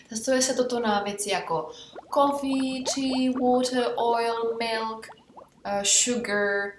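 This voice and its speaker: A woman teaching English grammar in a chatty explanatory way, often checking in with her listeners. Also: a little high. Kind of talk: explanatory language lesson. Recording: echoey room, voice from far off.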